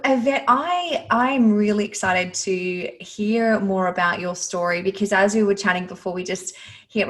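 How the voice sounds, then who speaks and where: A woman hosting a podcast, speaking in a warm, encouraging, affirming way. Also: mid-range voice. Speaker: podcast host. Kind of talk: podcast intro and interview.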